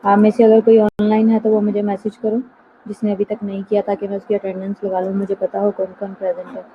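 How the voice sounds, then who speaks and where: A woman teaching a nursing class online, explaining terms patiently and slowing down to read out English definitions. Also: mid-range voice, completely flat delivery. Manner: explanatory, mixes English terms, reads slowly from notes. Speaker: nursing lecturer. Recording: tinny phone-like line, faint noise.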